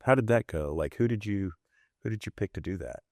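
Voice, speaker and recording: Male podcast host, very low voice, dry studio sound, long searching questions. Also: expressive, fairly quick, darkish tone, dry recording. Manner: earnest, rambling questions with restarts. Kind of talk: casual podcast conversation.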